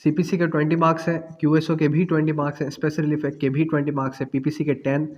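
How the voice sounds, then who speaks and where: A law exam tutor with a Pakistani accent lectures students very fast in a flat, rather high male voice, posing questions and answering them himself while mixing in English phrases. The recording carries a long, hall-like reverb.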